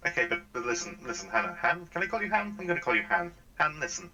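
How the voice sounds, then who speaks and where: A man's voice: on the high side, big pitch swings, fast, bright, forceful tone, dull audio, faint music behind, exaggerated voice. A man voicing a talkative, pushy, melodramatic personal assistance drone in a tabletop role-play. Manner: dramatic, wheedling, over-familiar.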